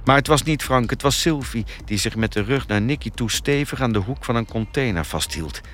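Man reading a thriller aloud, expressive. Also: mid-range voice, brisk, slight background noise. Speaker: narrator. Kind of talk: audiobook thriller narration.

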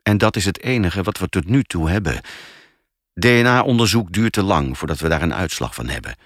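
A man's voice: sits low, expressive, brisk, breathy edge, no room sound, clean studio sound. A man voicing a level-headed male police detective who talks in a matter-of-fact way.

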